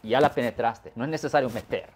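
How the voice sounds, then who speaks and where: A criminal lawyer from California, USA, gives a conversational legal explanation in Spanish, sprinkling in English words. His medium-pitched voice moves briskly as he explains things at length.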